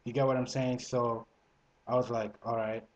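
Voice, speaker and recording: A man raised in Italy speaks English with a blended Italian and French accent. He gives casual, meandering relationship advice to the camera, full of fillers and self-corrections, at a medium pitch. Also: little pitch movement, normal speed, poor audio. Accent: multilingual, Italian and French mixed into English. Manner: conversational, frequent fillers and restarts. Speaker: vlogger.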